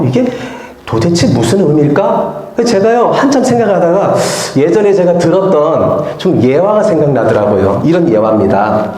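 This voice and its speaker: A man's voice: a little high, darkish tone. A male pastor preaching a sermon in a church, telling a story and asking the congregation questions. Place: church sanctuary. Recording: echoey church hall.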